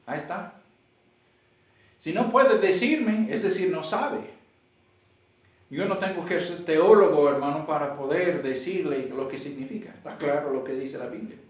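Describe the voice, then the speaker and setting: A male pastor with a Mexican accent preaches with lively, animated delivery and a slightly high voice. He acts out back-and-forth exchanges as he talks. His voice comes from a distance in an echoey church hall. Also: moderate pace. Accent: Mexican Spanish. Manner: animated, acts out dialogues with rising pitch. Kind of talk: sermon. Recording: echoey room, voice from far off.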